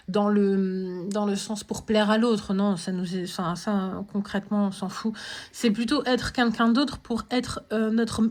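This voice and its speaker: A woman's voice: mid-range voice, darkish tone. A woman talking through a spiritual guidance reading, hesitant, with many fillers and restarts. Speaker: tarot and oracle reader.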